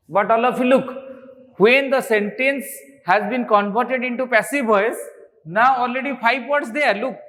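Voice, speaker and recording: Indian male grammar teacher, fairly high voice, lecturing in a reverberant hall. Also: fairly bright tone. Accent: Indian English. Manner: repetitive, emphatic explaining with rhetorical questions. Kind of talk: classroom lecture.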